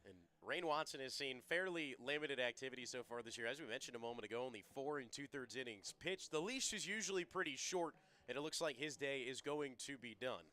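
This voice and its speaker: A young man with a bright, mid-pitched voice adds color commentary to a live radio baseball call. He talks in a relaxed, analytical way about stats, defensive positioning and pitchers. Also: brisk, few pauses.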